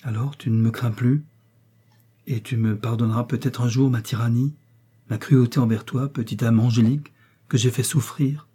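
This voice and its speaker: A man's voice: medium pitch, fairly even intonation, normal speed, mellow, husky. A man reading aloud as a passionate young prince, a husband pleading tenderly with his wife in a storybook. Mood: fervent. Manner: fervent, pleading.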